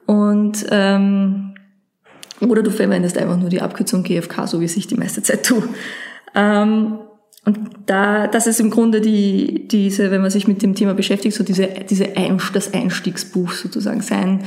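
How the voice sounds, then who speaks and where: A woman's voice: medium pitch, flat delivery, normal speed, creaky, warm tone, roomy sound. A woman explaining a book in a casual chat, searching for words with many fillers. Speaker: podcast co-host presenting a book.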